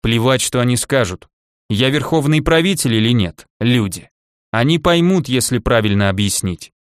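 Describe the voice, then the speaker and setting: Shy ex-soldier ruler around thirty read by a guy, self-mocking and dry-humored, mid-pitched, dry close sound. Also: expressive, moderate pace, smooth, dry recording, natural voice. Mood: earnest. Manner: self-deprecating, gently ironic.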